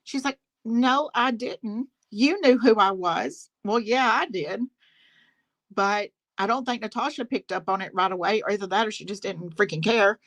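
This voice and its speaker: A woman with a Southern American accent hosts a casual live-stream chat of drama commentary, repeating phrases emphatically for stress. Her voice is medium-pitched and a bit bright, moving at a moderate pace. She's recorded on a phone set to speakerphone.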